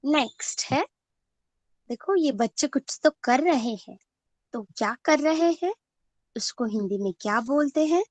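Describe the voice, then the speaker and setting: A woman's voice: high-pitched, expressive, a little mellow, dry recording. A woman teacher giving an online class to first graders, sounding out words syllable by syllable and asking the class questions that she answers herself. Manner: slow, clear syllable-by-syllable word drilling.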